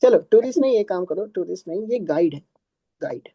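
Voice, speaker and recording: Animated and a little fast, a male teacher with a high-pitched, mellow voice and a breathy edge leads a live math lecture in a dry recording. He chattily asks questions and answers them himself, patiently calling his students "beta."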